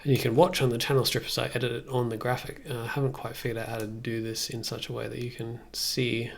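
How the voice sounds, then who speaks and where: This is casual, hesitant livestream commentary from a man in his thirties working on music production and thinking out loud. His medium-pitched voice is gravelly and creaky, with a level tone and a quick pace. Faint noise and the clicks of a keyboard and mouse come through.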